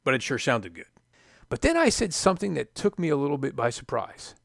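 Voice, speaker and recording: A middle-aged man, a former test pilot, hosting a scripted podcast monologue in a measured, emphatic way with dry asides. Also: mid-range voice, huge pitch swings, creaky, dry recording.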